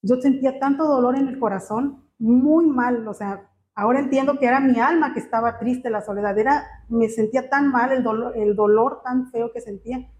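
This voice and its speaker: A woman gives a personal church testimony, speaking in a halting, emotional way with many fillers. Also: a little high, darkish tone. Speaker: church member giving testimony. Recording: muffled, slightly noisy.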